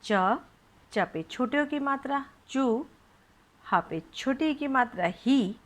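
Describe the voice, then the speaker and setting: A woman's voice: sits high, animated, slow. A woman teaching young children to read, spelling words out syllable by syllable with patient questions. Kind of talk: children's phonics lesson.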